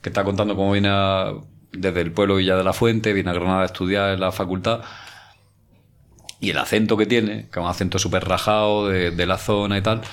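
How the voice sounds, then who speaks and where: A man with a low, deep voice co-hosts a casual interview. He speaks with enthusiasm, often restarting his sentences as he gathers his thoughts. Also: little pitch movement, a little fast. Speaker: podcast co-host.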